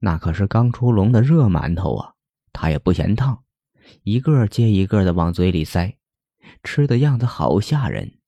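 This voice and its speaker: A man's voice: on the low side, animated, normal speed, gravelly, mellow, no echo. A man narrating a folk ghost story in a plain, conversational way.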